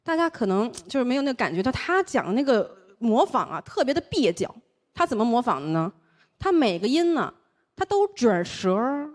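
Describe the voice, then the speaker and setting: A young woman from Taiwan who speaks with a Beijing accent, doing an animated stand-up comedy set on a stage and slipping into other people's voices. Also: on the high side, moderate pace. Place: comedy stage before a live audience.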